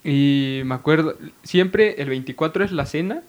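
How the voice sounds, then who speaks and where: A man's voice: fairly high pitch, moderate pace. A young man with a Mexican accent, a podcast co-host telling a family anecdote in casual chat, laughing as he goes.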